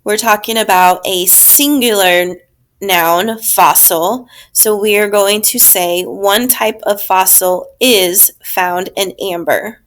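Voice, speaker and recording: Woman teacher, unhurried, patient grammar walkthrough for kids, mid-pitched. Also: steady tone, a bit bright. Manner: slow, patient, explaining step by step. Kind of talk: recorded grammar lesson.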